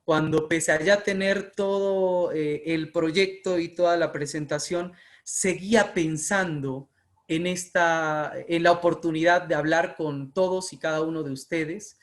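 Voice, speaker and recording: A man's voice: on the high side, fairly even intonation, measured pace. A man with a Mexican Spanish accent giving an impassioned online lecture on public speaking, building emphatic repeated phrases over a video call. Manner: impassioned, emphatic, rhetorical repetition. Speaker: oratory workshop speaker.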